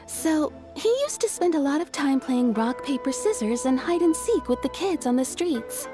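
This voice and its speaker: A woman's voice: sits high, lively intonation, moderate pace, over music. A woman voicing a wry, level-headed townswoman in a video game, telling a story with dry amusement. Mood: amused.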